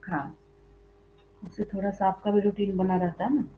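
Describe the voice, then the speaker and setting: A woman's voice: mid-range voice, flat delivery, normal speed, slight background noise. A woman teaching biology in an online class, explaining step by step, asking her students questions and repeating the answers, with English terms mixed into her speech. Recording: tinny phone-like online audio.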